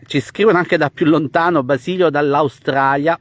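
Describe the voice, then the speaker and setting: A man hosting a live outdoor interview, addressing viewers and pausing mid-phrase. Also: a little high, steady tone. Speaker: host and interviewer of a live stream. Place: outdoors in the countryside.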